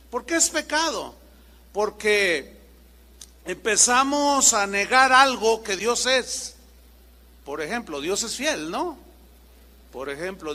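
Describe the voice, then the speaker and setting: A man preaching in a high, bright voice that rises and falls with great animation. He throws out rhetorical questions and slips into little acted-out exchanges. His voice rings with the long reverb of a church hall. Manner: lively, acts out little dialogues, rhetorical questions. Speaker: pastor. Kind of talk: sermon.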